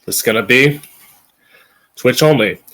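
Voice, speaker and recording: Slow, bright-voiced campy American drag queen. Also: mid-range voice. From Florida, United States. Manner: blunt, frequent swearing. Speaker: drag queen host of a political commentary show. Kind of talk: opinionated political monologue to camera.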